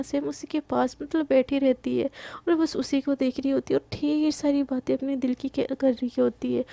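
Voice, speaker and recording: A woman's voice: high-pitched, vocal fry, mellow, no echo. A young woman casually narrating a story in a chatty, emphatic way. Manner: chatty, emphatic, filler-heavy.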